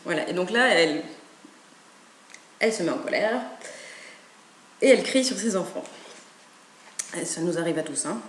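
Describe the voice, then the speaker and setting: Animated woman in an echoey room. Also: on the low side, moderate pace, long pauses, slight background noise. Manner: animated, acts out stories. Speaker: parenting educator. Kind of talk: casual spoken advice video.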